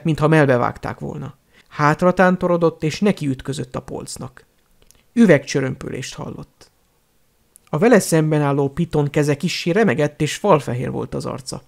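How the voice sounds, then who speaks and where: A man narrating an audiobook in a steady, measured storytelling manner. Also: fairly high pitch, vocal fry.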